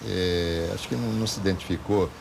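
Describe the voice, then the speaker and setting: A Brazilian man hosting an interview, chatty and quick to interject while reading out listener questions. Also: sits low, fairly even intonation, gravelly, background noise. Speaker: interview host.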